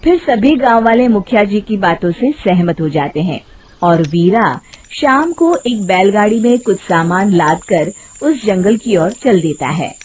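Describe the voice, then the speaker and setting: Slow, expressive woman storyteller. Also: mid-range voice, slight background noise. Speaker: narrator. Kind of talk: scripted cartoon story narration.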